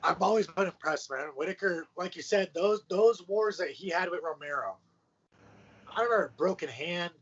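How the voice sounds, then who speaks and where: A man's voice: high-pitched, moderate pace, fairly bright tone, slightly rough. A man co-hosting a sports podcast, talking in a laid-back, casual way with plenty of fillers. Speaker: podcast co-host. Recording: muffled lo-fi audio.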